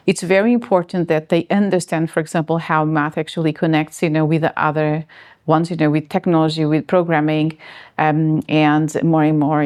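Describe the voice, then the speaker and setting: A woman's voice: low voice, a little mellow. A woman from Portugal in her forties, answering interview questions in a hesitant way, with many fillers and restarts.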